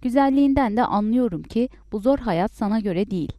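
A woman voicing a smooth-talking travelling male peddler in a storybook, with sweet flattering sales talk. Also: on the high side, a little fast, no echo, dull audio, close to an everyday voice.

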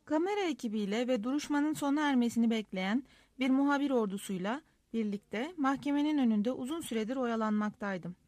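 A woman narrating a first-person diary story aloud in a lively, expressive reading. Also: a little high, no echo. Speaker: audiobook narrator.

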